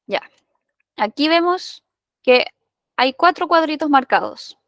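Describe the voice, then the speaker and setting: Woman teacher, high voice, unhurried, close dry sound, patient explainer. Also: animated, no room sound. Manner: explains patiently, with many "eh" and "ya?" checks. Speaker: English teacher. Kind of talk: online class explanation.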